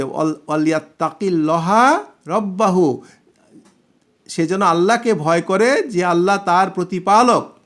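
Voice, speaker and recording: A man with a Bangladeshi Bengali accent teaching a class, slowly drawing out Arabic words and patiently checking that students follow. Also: sits high, a bit bright. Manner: slow, drawn-out recitation of Arabic words; patient explaining with checking questions. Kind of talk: Quran grammar class lesson.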